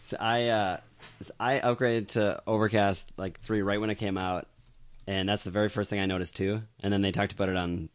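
A man's voice: lowish voice, level tone, a little fast. A man co-hosting a podcast in casual chat, rambling with lots of fillers and easy laughs. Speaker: podcast co-host.

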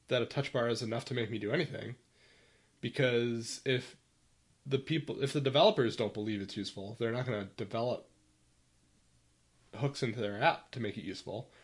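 A man's voice: medium pitch, moderate pace, pauses often, husky. A man co-hosting a podcast in casual chat, stating firm opinions and arguing his points. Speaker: podcast co-host.

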